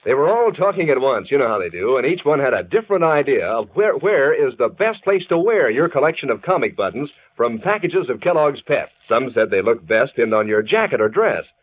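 An American man pitching to children as an old-time radio announcer, chummy and enthusiastic. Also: big pitch swings, fairly quick, few pauses, slightly rough. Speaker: announcer reading sponsor messages. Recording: dull vintage radio recording.

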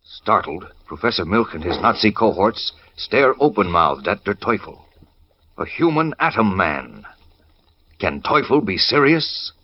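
A man's voice: fairly low pitch, sing-song, unhurried, a little hiss or hum. An American man narrating a 1940s radio serial from a script in a dramatic, suspenseful way. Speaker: narrator and announcer. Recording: dull old radio broadcast recording.

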